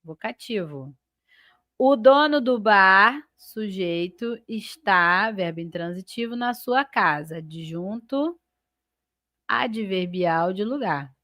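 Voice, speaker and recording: A Brazilian woman with a mid-range, bright, forceful voice teaches grammar slowly and animatedly in a live online class. She explains each step, keeps checking with her students, and lengthens and stresses key terms as she identifies parts of sentences. The audio is dry and studio quality.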